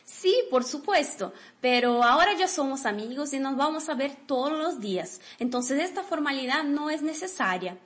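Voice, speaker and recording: A woman's voice: high-pitched, animated, normal speed, hardly any pauses, a bit bright. A woman reading a polite male office worker's lines from a textbook dialogue in a plain, courteous way.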